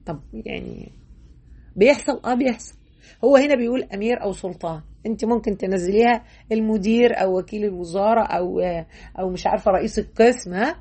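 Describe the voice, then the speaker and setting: Fast husky Egyptian woman teaching. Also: medium pitch, mellow. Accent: Egyptian Arabic. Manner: colloquial, emphatic, frequent stammered restarts. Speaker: religious lecturer. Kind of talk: religious lesson commentary.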